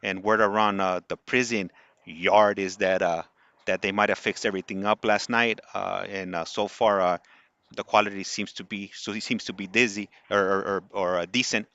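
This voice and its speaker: A man hosting a casual phone call, talking in a halting, wordy way and often repeating words. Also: fairly low pitch, steady tone, sharp tone, no echo. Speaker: show host. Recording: dull, band-limited sound.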